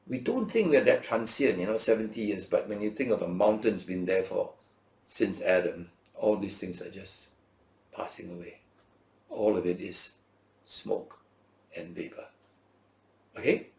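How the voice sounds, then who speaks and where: An unhurried, fairly low, darkish male voice, animated and full of pauses, leads a casual Bible lesson in an echoing teaching space. The teacher asks rhetorical questions, checks in with the group, and voices imagined speakers in ordinary language.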